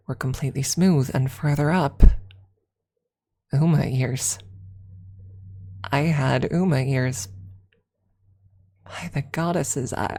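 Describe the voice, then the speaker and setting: With a low, rumbling voice, a woman narrates a story in the first person for ASMR. Her delivery is gentle and unhurried, marked by dramatic pauses and moments of near-whispering.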